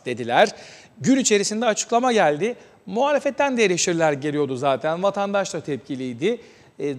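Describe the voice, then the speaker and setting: A man hosting a TV talk show, giving news commentary with a measured delivery and many hesitant filler sounds. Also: fairly high pitch, big-room sound.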